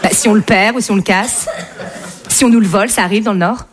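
A woman doing stand-up comedy, delivering absurd ideas in a mock-serious, deadpan tone. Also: medium pitch, fast. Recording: live show with crowd and noise.

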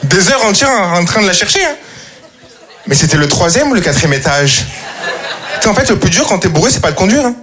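A man's voice: high voice, sing-song, fairly quick, pauses often, a bit bright. Man doing stand-up over crowd laughter. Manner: chatty, addresses audience with "tu vois". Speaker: stand-up comedian. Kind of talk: stand-up routine. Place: comedy stage before a live audience. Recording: live show with crowd noise. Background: audience laughter.

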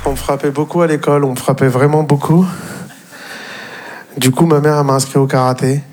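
A man's voice: on the high side, fairly even intonation, fairly quick, a little mellow. A man delivering a blunt, exasperated stand-up rant, acting out quotes. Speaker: stand-up comedian. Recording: noisy live show recording.

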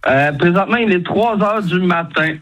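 A man with a Québécois accent and a husky voice, a chef chatting casually and affably as a radio guest, with some hesitation. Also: high-pitched, normal speed, a bit bright, highs cut off, faint music behind. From Quebec, Canada. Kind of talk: casual interview chat.

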